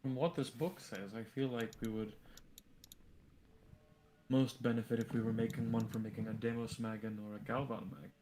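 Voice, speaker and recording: A man playing in a tabletop game, talking in halting bursts with many fillers and the odd curse. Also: mid-range voice, steady tone, warm tone, slight background noise. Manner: halting, lots of fillers and restarts, swearing. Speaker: player. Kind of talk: casual tabletop game chat.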